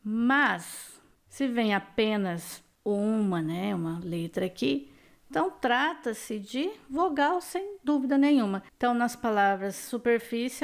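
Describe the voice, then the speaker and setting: A woman teacher working through exam questions step by step, checking each answer with the viewer and often asking "né?". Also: a little high. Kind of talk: exam-prep lesson.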